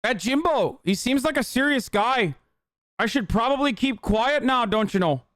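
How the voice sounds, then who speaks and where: A man's voice: extremely high pitch, expressive, normal speed, fairly bright tone, no room sound, studio quality, voice pushed up. A man putting on a mock Canadian accent, playing a mild, polite folksy fellow in a sing-song, joking way. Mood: teasing.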